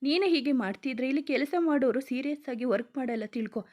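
Casting: woman doing a blunt, protective young male best friend for a storybook, brisk, slightly high. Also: darkish tone, natural voice. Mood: scolding. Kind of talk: storybook reading.

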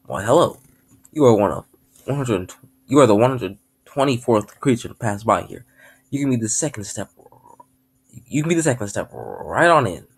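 A man's voice: medium pitch, big pitch swings, moderate pace, husky. A man voicing an eccentric, cheerful circus clown with a grand showman's delivery, in a storybook reading. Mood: welcoming.

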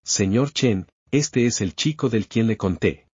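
A man's voice: on the low side, unhurried, a little mellow, husky, no echo. A man voicing an arrogant young bully who sneers and demands revenge. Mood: sneering. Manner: sneering and vengeful. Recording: slightly dull lo-fi recording.

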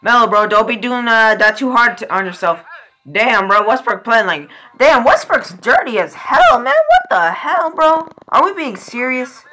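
A woman hosting a casual reaction video, excitable and slangy with plenty of swearing. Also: on the high side, moderate pace. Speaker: reaction channel host.

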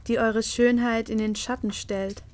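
A woman voicing a slow, solemn magic mirror spirit. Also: fairly high pitch, level tone, darkish tone, close to an everyday voice. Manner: slow, measured and formal.

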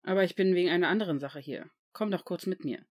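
Gruff male potions master, low and measured; woman reader. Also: a little mellow, lightly acted. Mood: calm.

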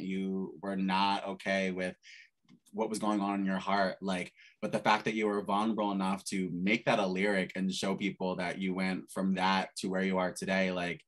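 A man's voice: sits low, fairly bright tone. A man hosting a casual interview, talking in an effusive, emphatic way full of gushing praise. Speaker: host. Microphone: studio mic.

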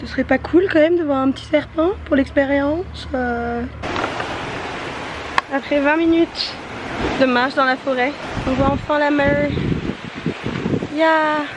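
A woman's voice: sits high, measured pace, long pauses, very noisy. A young woman in her twenties talking casually and cheerfully to a handheld camera outdoors for her travel vlog. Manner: chatty, upbeat, enthusiastic. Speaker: travel vlogger. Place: outdoors, beach and open-air terrace. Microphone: phone or camera held at arm's length.

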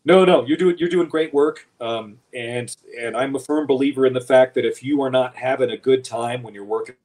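Guy author on a livestream, mid pitch, laughs a lot, keeps restarting his sentences. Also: a little fast. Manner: animated, chuckling, many restarts. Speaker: author and guest. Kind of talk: casual livestream chat.

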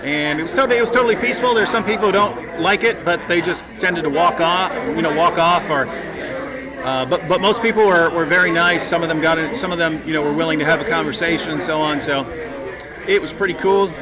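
A man's voice: on the high side, brisk. A man in his forties hosting a casual livestream from a church hall, reading viewer comments to a webcam held close. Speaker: livestream host. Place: large church hall indoors. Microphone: webcam at arm's length. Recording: crowd chatter behind. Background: chattering crowd.

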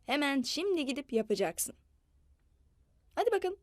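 Playing an upbeat storyteller on a children's show, a woman coaxes her young audience with sing-song playfulness and moos at them in animated, dubbed narration. Her high voice is very animated at a moderate pace, captured as clean, dry studio sound.

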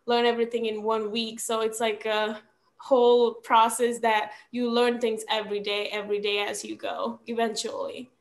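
Brief: young Sri Lankan-born woman, slightly high voice, reflective guest on a video call, lots of ums. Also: little pitch movement, normal speed. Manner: frequent ums, earnest and reflective. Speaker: podcast guest. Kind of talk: casual conversational storytelling. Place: small room at home.

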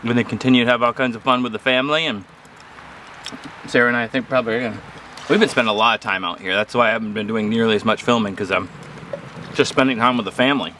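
A man's voice: mid-range voice, quick pace, sharp tone, a little hiss or hum. An upbeat man hosting a casual family vlog outdoors on a lakeside dock. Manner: upbeat, enthusiastic. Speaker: vlog host.

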